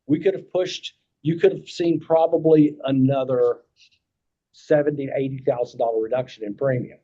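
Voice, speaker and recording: A man's voice: mid-range voice, fairly even intonation, moderate pace, mellow. A man with a Kentucky accent explaining things at a meeting in a folksy way, repeating points and checking that listeners follow. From Kentucky, United States. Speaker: insurance agent presenting to committee. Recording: dull lo-fi meeting audio.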